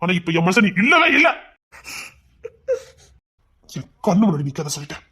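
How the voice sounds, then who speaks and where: A man's voice: sits high, big pitch swings, moderate pace, pushed and bright, husky, full character voice. An actor playing a hot-tempered young husband who scolds his wife harshly, in a serial-style drama. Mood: angry.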